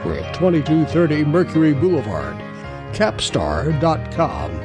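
A man's voice: fairly high pitch, huge pitch swings, measured pace. A man reading a scripted bank advertisement as its announcer. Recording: music bed under voice. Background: music.

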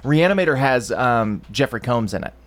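A man co-hosting a radio show in casual, slightly halting chat. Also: medium pitch, lively intonation. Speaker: radio co-host.

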